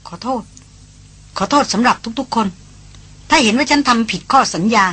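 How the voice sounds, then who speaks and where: A woman's voice: on the high side, normal speed, husky. A woman doing a cool secretive young woman. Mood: soft flat. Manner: soft and flat.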